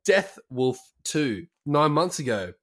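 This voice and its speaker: A man with a lively, somewhat high voice, cracking crude jokes as a podcast co-host. He swears through loose, rambling banter. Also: takes it slowly. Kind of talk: casual banter.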